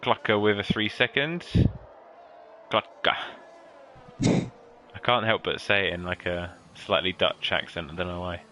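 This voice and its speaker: A man commentating an online racing league, joking with his co-commentator and getting excited at overtakes. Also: low-pitched, moderate pace, a little hiss or hum. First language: English. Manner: lively, playful banter, excited at overtakes. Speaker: race commentator.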